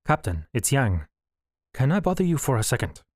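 A man's voice: medium pitch, big pitch swings, moderate pace, darkish tone, no echo, studio quality. A man voicing a young male first officer with a wry, teasing manner. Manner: smirking, playful.

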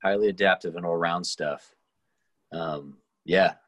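A man's voice: low voice, unhurried, a bit bright, no room sound. A man co-hosting a casual podcast, talking in loose, rambling stretches. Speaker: podcast co-host. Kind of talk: casual chat.

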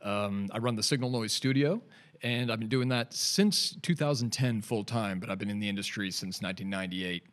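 A digital artist in his forties with a Canadian accent chats loosely as a guest on a studio podcast, in a lowish, brisk, fairly bright voice. His casual interview talk is rambling and laid-back, packed with fillers and restarts.

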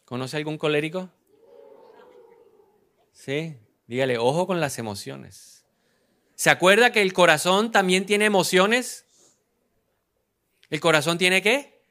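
Brief: male pastor, slightly high voice, preaching with questions to the congregation, sudden loud bursts when quoting. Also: measured pace, long pauses. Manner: asks the congregation questions and answers them himself; acts out quoted lines with sudden loud outbursts. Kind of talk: sermon.

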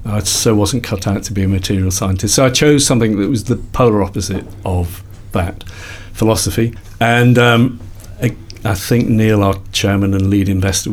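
This is a man in his sixties from Liverpool, England, with a voice on the low side and a slight mellowness. A psychologist and company founder, he's a guest in a casual interview, telling his career story reflectively and ramblingly, often correcting himself.

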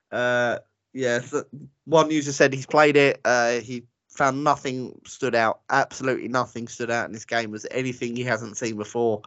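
A man's voice: mid-range voice, fairly even intonation, normal speed, fairly bright tone, no room sound. A man chats on a gaming podcast in a blunt, dismissive way and laughs easily. His voice sounds dry and a little dull, as on a lo-fi recording. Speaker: podcast host. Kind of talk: casual gaming podcast chat.

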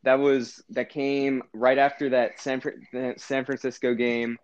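A man's voice: mid-range voice, measured pace, smooth, dull audio. Rambling man talking football. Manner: rambling, self-correcting, animated. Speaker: podcast co-host. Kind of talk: casual sports podcast chat.

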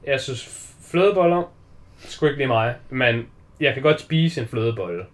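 A man chatting casually about a film who keeps slipping into animated little performances of the scenes. He swears freely and laughs easily as he talks, with a voice of ordinary middle pitch.

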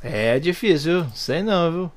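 A man's voice: fairly high pitch, lively intonation, a little slow, over loud music. A man hosting a comedy radio show, joking loosely and swearing casually.

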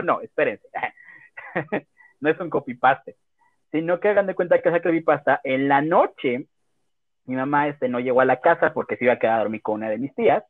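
A young Mexican man casually telling a personal story, animated and full of slang and swearing. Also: a little high, dry recording. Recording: tinny phone-like audio.

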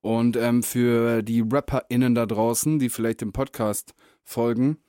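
A man's voice: medium pitch, fairly even intonation, unhurried, dark tone, smooth, dry recording, studio quality. Slangy young man chatting casually. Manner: slangy, laid-back banter. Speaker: podcast co-host. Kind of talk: casual chat.

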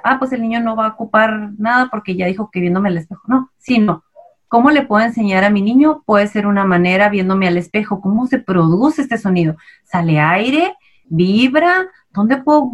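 A woman with a Mexican accent, a child language specialist, patiently explaining in an interview and posing rhetorical questions. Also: medium pitch. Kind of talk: expert interview answers.

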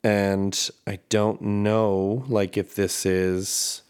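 A man's voice: lowish voice, little pitch movement, very slow, darkish tone, smooth. A man hosting his own podcast, talking candidly and rambling with frequent swearing. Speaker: podcast host. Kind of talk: casual solo podcast monologue.

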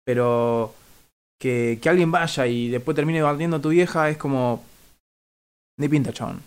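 A man with a Rioplatense Argentine accent hosting a stream, asking questions in halting, filler-heavy phrases. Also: medium pitch, clear, resonant tone. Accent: Rioplatense Spanish. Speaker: stream host. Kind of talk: casual interview on a stream.

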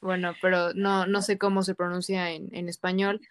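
A woman, co-hosting a podcast in a relaxed way and laughing easily. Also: lowish voice, moderate pace, over a noisy crowd. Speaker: podcast co-host. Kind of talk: casual chat.

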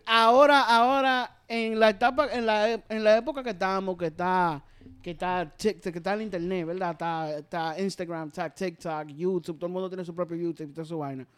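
Man, podcast host, high voice, halting restarts, loose banter. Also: steady tone, fairly bright tone, smooth, faint music behind. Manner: steers the talk with questions, stammers on starts. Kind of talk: casual chat.

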